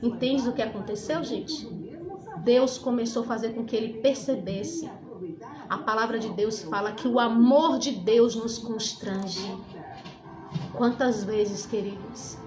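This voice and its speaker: A woman's voice: a little high, unhurried. Fervent Brazilian woman giving testimony. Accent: Brazilian Portuguese. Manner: storytelling with many hesitant fillers, rising to fervent preaching. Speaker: lay preacher giving testimony. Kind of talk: testimony to a congregation. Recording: echoey hall with crowd.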